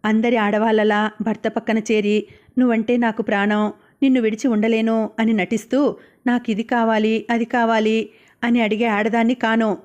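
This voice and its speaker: A woman voicing a proud, sharp-tongued young wife who speaks bluntly and defiantly. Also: fairly high pitch, flat delivery, moderate pace, natural voice.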